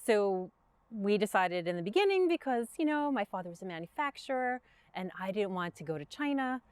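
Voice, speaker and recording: A woman's voice: medium pitch, sing-song, brisk, clean tone, no echo. A woman with a Brooklyn accent, guest on an interview, telling her business story in earnest, chatty talk full of fillers. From Brooklyn, New York. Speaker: guest entrepreneur. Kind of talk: casual interview chat.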